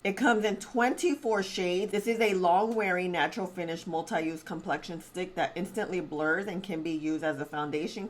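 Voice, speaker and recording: A woman's voice: fairly low pitch, a little hiss or hum. A woman beauty vlogger chatting casually and expressively to her viewers while testing makeup. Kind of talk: casual beauty vlog chat.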